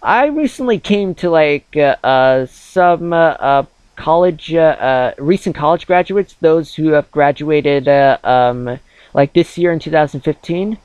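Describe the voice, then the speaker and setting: A man's voice: on the high side, expressive, a little slow, darkish tone, clear, resonant tone, no echo. Rambling young man, dull dry mic. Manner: rambling, heavy with fillers like "like" and "uh". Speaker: gaming channel host. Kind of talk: casual chat over gameplay.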